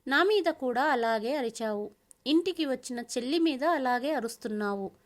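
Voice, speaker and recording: A woman's voice: high-pitched, animated, moderate pace. A woman voicing an elderly father who scolds his grown son in a stern, reproachful way.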